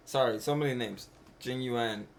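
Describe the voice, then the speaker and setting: A man streaming games, retelling the story in an animated, laughing way and acting out characters. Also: mid-range voice, moderate pace, creaky, slight background noise. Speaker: streamer, co-host. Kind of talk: casual gaming stream chat.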